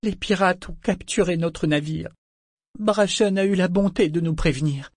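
A man's voice: a little high, moderate pace, a little mellow, no echo, studio quality, pitched above the performer's own voice, natural voice. A man reading an audiobook voices a tearful, dutiful young noblewoman in a raised, pleading voice.

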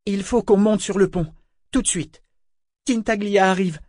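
A man's voice: sits high, steady tone, unhurried, darkish tone, no echo, clean studio sound, pitched above the performer's own voice. A man voicing a frightened young girl who senses a dragon, urgent and then hollow.

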